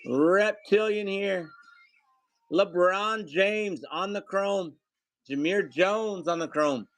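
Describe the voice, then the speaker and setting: Male card-break host, high voice, unhurried, rattling off names; dry close sound. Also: dry recording. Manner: rattles off names, calls out hits to viewers. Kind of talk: live card break play-by-play.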